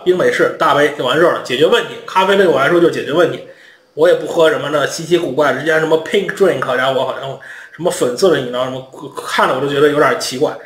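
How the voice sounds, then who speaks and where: Male vlog host, animated humorous storyteller, echoey room. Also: fairly high pitch. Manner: chatty, animated, humorous anecdotes. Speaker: international education channel host.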